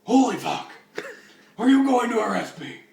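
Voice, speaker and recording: A man voicing a gruff male vigilante hero who blurts out curses, read in a roomy room from a distant mic. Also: a little high, expressive, moderate pace, a little hiss or hum. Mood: shocked. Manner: blurting, cursing bluntly.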